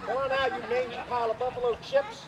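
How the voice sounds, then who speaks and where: Man acting a high-voiced, stern western marshal. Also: sing-song, quick pace. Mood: scornful. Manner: firm, exasperated, declaiming. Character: stern, put-upon western town marshal. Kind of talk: live comic Wild West stunt show acting. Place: outdoors in a park. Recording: outdoor park show with noisy crowd.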